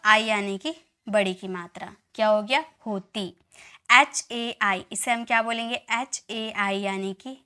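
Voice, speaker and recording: Bright-voiced woman teaching spelling. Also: fairly high pitch, smooth. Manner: patient, spells words letter by letter, asks and answers her own questions. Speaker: English teacher. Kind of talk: online lesson, spelling out words.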